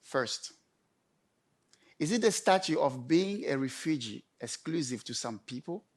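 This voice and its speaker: A man delivering a prepared storytelling talk in measured, emphatic short phrases with pauses. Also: on the high side, animated. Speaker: conference speaker.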